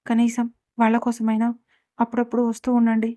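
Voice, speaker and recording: A woman's voice: on the high side, monotone, fairly quick, dry recording, lightly acted. Woman reading as a remorseful older uncle. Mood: regretful. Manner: soft, regretful pleading.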